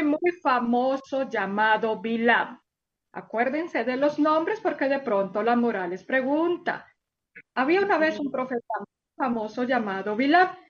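High-voiced lady teacher telling kids a story, slow, lively, asks them stuff, muffled recording. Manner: animated, exclamatory, asks children questions. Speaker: teacher of children. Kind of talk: storytelling to children.

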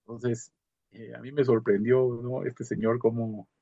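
A man shares a reflection on a video call. His voice is gravelly, dark and husky, and he pauses often with fillers and restarts. The call audio is dull, lo-fi and dry. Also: medium pitch, flat delivery, no room sound. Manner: halting, with many fillers and restarts. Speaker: study group member giving a comment. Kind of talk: casual religious reflection.

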